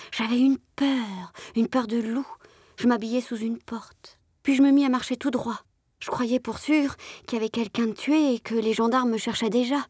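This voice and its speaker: In a whispered role-play, a young streetwalker, voiced by a woman, confides her story in a soft, high-pitched hush with rustic turns of speech. Her tone is close and confiding. The recording is dry and close. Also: slightly rough, dry recording. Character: young worn Parisian streetwalker, a former country servant girl.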